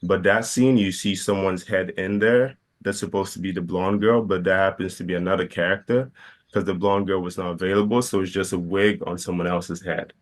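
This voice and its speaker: In a casual interview, a young Ghanaian filmmaker with a very deep, low voice answers questions about his work. His tone stays steady, but he hesitates often, restarts sentences, and fills gaps with small fillers.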